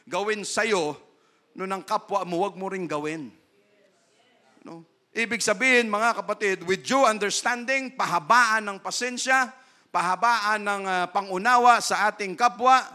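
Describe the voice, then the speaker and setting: Bright, high-voiced Filipino pastor preaching. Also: male voice. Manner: mixes Tagalog and English, frequent tag "No?"; slow emphatic stressing of key lines. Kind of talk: sermon.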